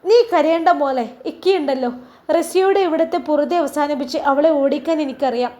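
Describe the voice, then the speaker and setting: A woman reading a gruff young man in a spoken story, curt and menacing. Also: sits high, brisk, mellow, lightly acted.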